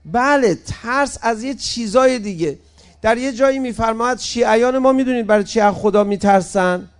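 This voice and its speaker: A man preaching an emotional religious sermon, moving between loud exhortation and soft, pleading passages. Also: extremely high pitch, smooth.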